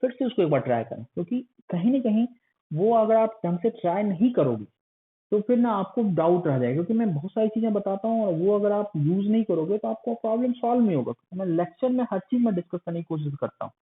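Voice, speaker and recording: Man lecturing over a tinny lo-fi line. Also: on the high side. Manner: coaxing, scolding students like a strict elder. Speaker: math teacher. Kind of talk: online lecture. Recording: phone-like lo-fi recording.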